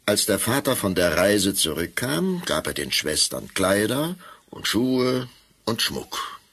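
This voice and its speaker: Deep-voiced man telling a fairy tale warmly. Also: sing-song, slow, husky. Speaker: narrator. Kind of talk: fairy tale narration for an audio drama.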